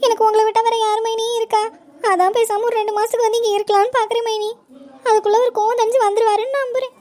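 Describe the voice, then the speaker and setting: Woman doing a super squeaky fast-talking cartoon wife, bossy and whiny, keeps begging. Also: level tone, darkish tone. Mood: whiny pleading. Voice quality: shrill and whining, keeps pleading. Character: bossy, whiny young wife who beats her husband. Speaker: visiting sister-in-law. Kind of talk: cartoon comedy voice acting.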